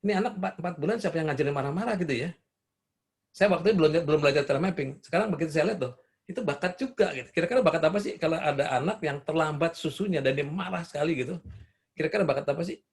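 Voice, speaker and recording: A man's voice: a little high, rapid-fire. An older man speaking at a parenting seminar, telling stories and asking the audience questions. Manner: asks the audience questions, warm storytelling. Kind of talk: seminar talk answering questions.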